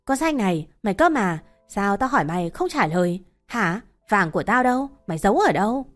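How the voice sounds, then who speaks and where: A woman's voice: medium pitch, big pitch swings, brisk, natural voice. A woman voicing an older mother-in-law who scolds and accuses her daughter-in-law in a harsh, coarse way, over faint background music. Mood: shrill accusing. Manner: abusive, uses coarse address terms.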